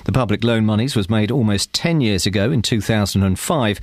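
British man reporting news from script, lowish voice, dry sound. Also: brisk, darkish tone, dry recording.

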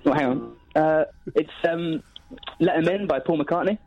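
A man's voice: on the high side, normal speed, a little hiss or hum. A man calling in to a radio show over a phone line, talking hesitantly with a self-deprecating laugh. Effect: heard over a phone line. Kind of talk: casual chat.

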